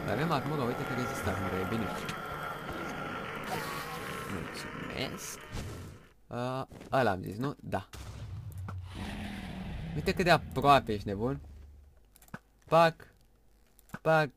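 A man giving excited live gameplay commentary, shouting at the game and muttering to himself between bursts. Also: on the low side, background noise. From Romania. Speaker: gaming video host.

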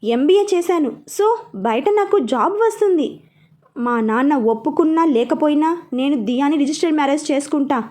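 A woman's voice: sits high, animated, moderate pace, darkish tone. A woman voicing an indignant young man in a storybook reading, insisting on his choice. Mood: defiant. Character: defiant young man in love.

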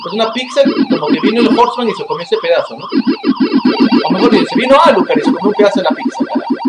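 A man with a Peruvian accent hosting a gaming video, telling a story between constant swearing and excited outbursts at the game. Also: high voice, racing, very noisy. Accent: Peruvian Spanish. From Peru. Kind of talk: casual gameplay commentary. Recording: echoey room under loud music.

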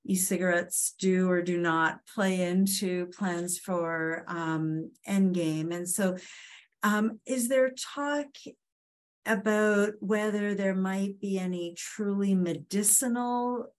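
A woman moderates the question session after a lecture. She talks at an ordinary pitch, chatty and a little apologetic. She fills her sentences with ums as she relays questions from the audience. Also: slow. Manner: chatty, apologetic, many fillers.

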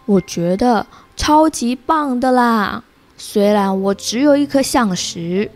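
A woman's voice: fairly high pitch, animated, slow, darkish tone, soft background music. A woman voicing an exasperated squirrel from a storybook, expressively read to a toddler. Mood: delighted.

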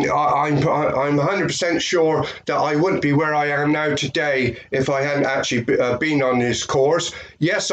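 Pitched on the high side and captured in a low-quality recording, an older British man talks from a small indoor room. This affiliate marketer's head cold makes him nasal, and his webcam talk rambles with frequent fillers and repetition.

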